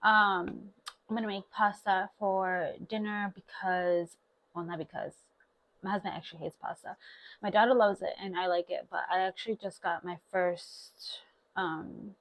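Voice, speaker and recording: With a mid-range, fairly bright voice and fairly even intonation, this thirtysomething mom vlogger talks informally to viewers at a moderate pace, drifting from topic to topic. She's on a clip-on lapel mic, and there's no echo.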